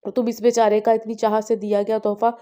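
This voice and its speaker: A woman reading the part of an affectionate, gently teasing mother who scolds fondly. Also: fairly high pitch, little pitch movement, a little fast, smooth, lightly acted. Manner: fond, scolding tone. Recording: dull lo-fi recording.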